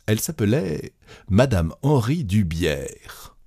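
Slow, expressive male storyteller. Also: fairly low pitch, husky, no room sound, studio quality. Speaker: narrator. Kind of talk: reading a classic short story aloud.

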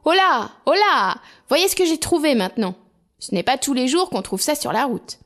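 A woman voicing a cheerful, boisterous young male simpleton in a storybook tale, calling out loudly and excitedly. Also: on the high side, moderate pace. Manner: loud, excited calls.

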